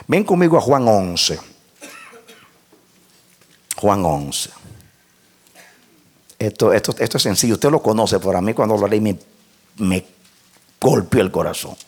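A man preaching a sermon, reading scripture quietly and building to loud shouted passages. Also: lowish voice, expressive, a little slow, pauses often, breathy edge.

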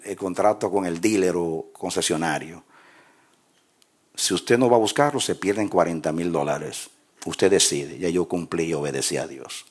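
Older man pastor telling a story. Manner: soft, low-key storytelling voice. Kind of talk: sermon with storytelling. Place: church.

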